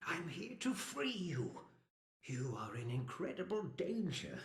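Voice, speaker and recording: Very old monk, protective and weary, gravelly and animated, game dialogue in a roomy space. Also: male voice, a little high, unhurried, full character voice. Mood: secretive, urgent. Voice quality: aged, creaky. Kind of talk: video game voice acting.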